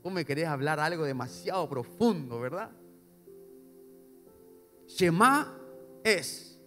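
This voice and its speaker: A male pastor preaching a sermon, swinging between soft low asides and loud emphatic repetition. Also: animated, takes it slowly. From Paraguay. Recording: long hall reverb with faint music.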